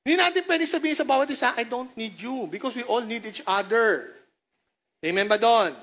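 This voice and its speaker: A woman's voice: fairly high pitch, fairly bright tone. A woman pastor with a Filipino accent preaching a sermon. She mixes languages, jokes with the congregation and keeps asking them to answer. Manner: mixes languages in quick phrases. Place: church service.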